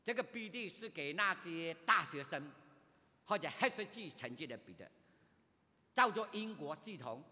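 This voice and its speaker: An older male pastor from Malaysia, telling his own story in a sermon, animated, with sudden loud rises. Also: a little high. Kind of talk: sermon, personal testimony. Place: church sanctuary. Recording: reverberant church hall.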